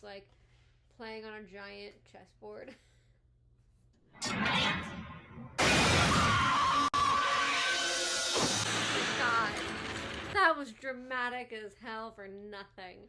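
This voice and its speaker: A woman's voice: on the high side, measured pace, over music. A woman giving casual, slangy reaction commentary as host, her speech slightly off from wearing a retainer. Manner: animated, slangy, frequent "like". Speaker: host of a movie commentary video.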